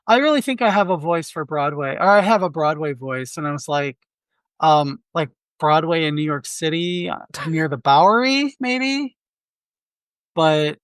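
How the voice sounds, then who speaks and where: Co-hosting a film podcast from the Quad City area, a man with a smooth voice on the high side talks casually and candidly about films. He rambles and restarts often, and the recording has no echo.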